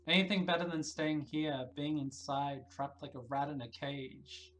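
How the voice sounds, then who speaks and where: A game streamer reading the narration aloud quietly during a livestream, breaking into lively asides to viewers. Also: mid-range voice, normal speed, slight background noise, low-quality recording.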